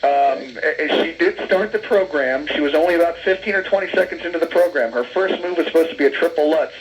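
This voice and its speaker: A man's voice: on the high side, fast talker, slight background noise, low-quality recording. A male caller heard over the phone. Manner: recounts events step by step with frequent fillers. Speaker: radio call-in caller. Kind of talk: casual eyewitness account on air.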